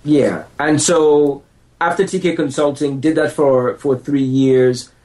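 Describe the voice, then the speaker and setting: An easygoing American lawyer and entrepreneur guests on a podcast, speaking slowly in a somewhat high, darkish voice into a handheld mic. He laughs easily, mocks himself, and rambles with frequent restarts through the relaxed interview. The audio quality is poor.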